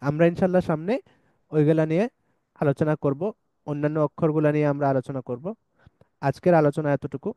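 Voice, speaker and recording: A man teaches Quranic pronunciation patiently, repeating each sound slowly. His voice is smooth, mellow and a little high. The recording is dry and close. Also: fairly even intonation, dry recording. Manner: patient, models sounds slowly and recites verses in drawn-out chant. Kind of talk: explanatory lesson.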